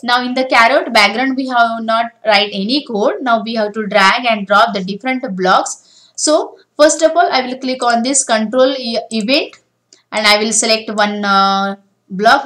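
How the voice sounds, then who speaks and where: This rough recording features a woman with a somewhat high, slightly bright voice speaking at normal speed. She explains a beginner coding lesson step by step over a screen recording, often starting her lines with "now."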